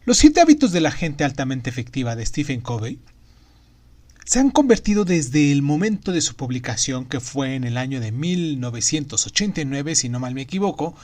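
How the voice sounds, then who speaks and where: A man's voice: medium pitch, big pitch swings, normal speed, a little mellow. A man hosting a podcast, narrating a semi-scripted book summary with emphatic stresses on phrases. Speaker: podcast host.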